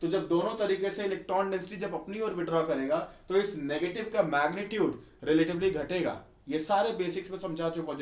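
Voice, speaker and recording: A male chemistry teacher giving a conversational exam-prep lecture, often asking students rhetorical questions. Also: fairly high pitch. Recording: echoey room.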